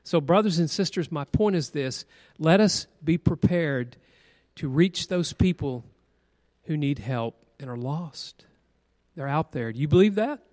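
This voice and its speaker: A man's voice: on the high side, animated, measured pace, darkish tone. A man, a minister leading a church class, telling folksy stories in an earnest, conversational way. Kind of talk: sermon-style storytelling. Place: church hall. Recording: reverberant church hall.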